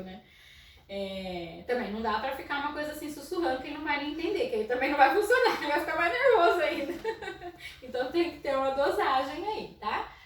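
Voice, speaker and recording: Speaking as a psychologist, a Brazilian woman recounts her school experience as a story, her naturally loud, fairly high voice constantly checking in with "né?" and breaking into soft laughs. It's a casual educational talk, captured very echoey and a little distant with faint room noise behind.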